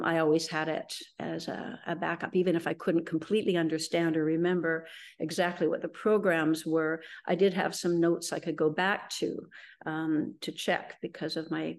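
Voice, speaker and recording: Low-voiced middle-aged woman telling her story. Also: fairly even intonation, normal speed. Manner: rambling, with frequent ums and restarts. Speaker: interview guest. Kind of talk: conversational storytelling.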